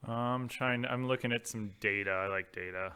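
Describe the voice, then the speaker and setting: A man's voice: mid-range voice, moderate pace, sharp tone, clear, resonant tone. A man co-hosting a podcast in casual chat, dry and matter-of-fact, leaning on numbers. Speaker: podcast co-host.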